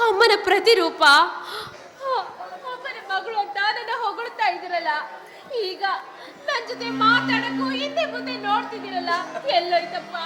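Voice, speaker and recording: A woman playing a pleading high-voiced daughter. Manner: pleading, emotional. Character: young daughter pleading with her grieving father. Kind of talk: village stage play acting. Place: village play stage. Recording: hall reverb, audience noise.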